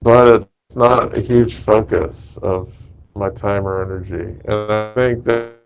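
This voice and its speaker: A man's voice: lowish voice, fairly even intonation, a little slow, gravelly, highs cut off. A man chatting casually and swearing freely on an online call, his audio cutting in and out so the volume goes uneven.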